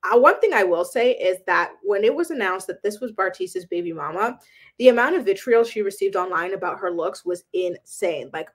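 A woman's voice: mid-range voice, animated, moderate pace. A woman hosting a celebrity gossip channel, talking casually and with opinions, often using "um" and "like". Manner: chatty and opinionated, frequent "um" and "like".

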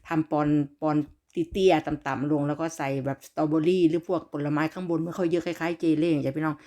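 A woman's voice: low-pitched, steady tone, quick pace. A middle-aged woman with an Isan accent, chatting to her viewers in a friendly, homely way as she cooks in her kitchen. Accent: Isan (northeastern Thai). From Thailand. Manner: friendly, talks to viewers as "brothers and sisters" with soft polite particles. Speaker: vlogger. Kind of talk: casual chatty kitchen vlog. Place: home kitchen.

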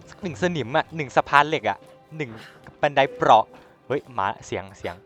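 Young man, gaming streamer, excitable joking commentary, slightly high voice, faint music underneath. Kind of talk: live game commentary.

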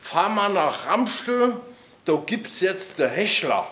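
A man's voice: high voice, big pitch swings, takes it slowly, fairly bright tone. A man in his sixties giving an emphatic opening speech to guests in an office room.

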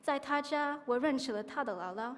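A teenage girl delivers a prepared contest speech in learner's Mandarin. Her voice sits slightly high and rings in an auditorium as she speaks into podium microphones. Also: animated, brisk. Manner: foreign learner's Mandarin, repeating phrases. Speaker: high school student contestant. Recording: echoing auditorium hall.

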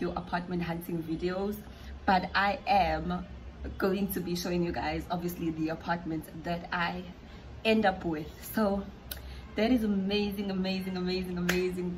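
A woman's voice: fairly low pitch, slight background noise, low-quality recording. A South African woman vlogging casually at home, chatty and fond of repeating words for emphasis. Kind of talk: casual vlog chat.

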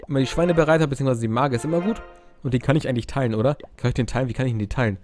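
A man's voice: medium pitch, very fast, a little mellow, faint music behind. A young man giving casual, rambling gameplay commentary, cracking crude jokes and interrupting himself. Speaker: Let's Play host.

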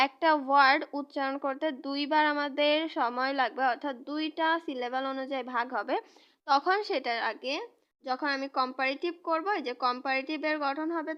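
High-voiced woman teaching grammar slowly. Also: highs cut off. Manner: slow, repeats and spells out words. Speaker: English teacher. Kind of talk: explaining grammar to students.

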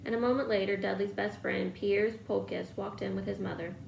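A woman reading a novel aloud with a gravelly, creaky voice. Her steady storytelling sounds in an echoey room, with faint noise behind. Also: mid-range voice, a little fast. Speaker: reader.

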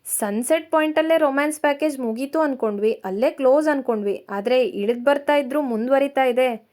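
A woman voicing a young man who is a joking friend in a storybook tale, speaking briskly. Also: high voice, darkish tone, lightly acted.

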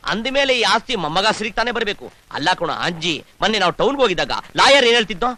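A man's voice: high voice, lively intonation, very fast, sharp tone. A cocky, wisecracking village headman. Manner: cheeky, wisecracking banter. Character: cocky spoilt rich young village headman, a joker. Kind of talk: Kannada film dialogue.

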